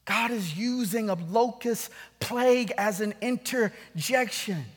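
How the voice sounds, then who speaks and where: A man with a strikingly high voice preaches from the pulpit, earnest and urgent by turns. His words ring out through a church sanctuary with a long, lingering reverb. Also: takes it slowly, husky. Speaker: pastor. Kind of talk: sermon.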